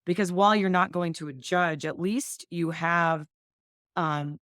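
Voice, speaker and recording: A woman hosts a family law podcast in casual conversation, talking earnestly and thinking aloud with many "like" and "right" fillers. Her voice is on the low side and a bit bright, at a measured pace, in clean studio sound with no room noise.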